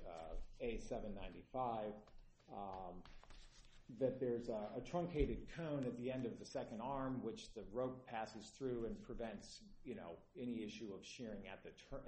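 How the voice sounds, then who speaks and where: A man arguing an appeal in court, insistent and halting, growing tired. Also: on the low side, dark tone, a little hiss or hum. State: tiring. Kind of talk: courtroom oral argument. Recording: roomy courtroom recording.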